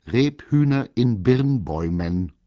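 A man's voice: sits low, sing-song, brisk, creaky, darkish tone, husky, no echo, lo-fi sound, heavily acted. A man voicing a fussy, posh male squirrel in a vest who talks sternly and grandly. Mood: haughty. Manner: stern, grand, a bit condescending.

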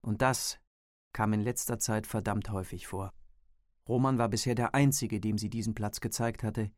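A man narrating a novel as an audiobook, in measured scripted storytelling. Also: on the low side, steady tone, no room sound, studio quality.

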